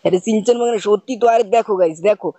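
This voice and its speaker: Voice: mid-range voice, rapid-fire, warm tone, dry recording. A gaming host, doing playful commentary as a scolding uncle, forever asking if he is understood. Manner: scolding, repeats "bujhchhis?". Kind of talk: playful commentary over gameplay, playing the uncle.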